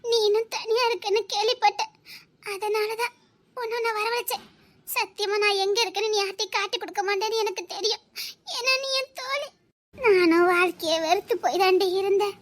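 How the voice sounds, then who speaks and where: A woman's voice: very high voice, a bit bright. An actress playing a grieving young woman talking with her friend, with an emotional, tearful delivery. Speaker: actress in a family drama. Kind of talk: melodramatic dialogue scene.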